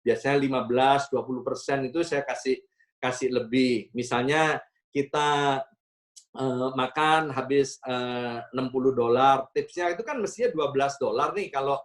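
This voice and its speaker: Animated storytelling pastor, man. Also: moderate pace. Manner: storytelling, acts out dialogue with sudden high bursts; mixes English phrases into his talk. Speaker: senior pastor. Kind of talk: conversational sermon.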